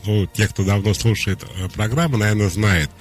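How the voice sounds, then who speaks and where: A man hosting a radio call-in show as a psychologist, calmly explaining and giving direct advice. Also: lowish voice, normal speed, faint music behind.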